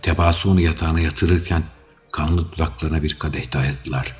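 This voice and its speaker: A man narrating an adventure audiobook in a measured, dramatic reading. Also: extremely low pitch, fairly even intonation. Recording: dull audio with faint music.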